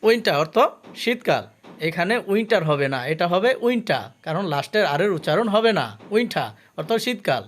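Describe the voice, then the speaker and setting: A man's voice: high voice, expressive. A man teaching English vocabulary, saying each word and its meaning twice and stopping to explain the pronunciation. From Bangladesh. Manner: slow, careful drill with pronunciation notes.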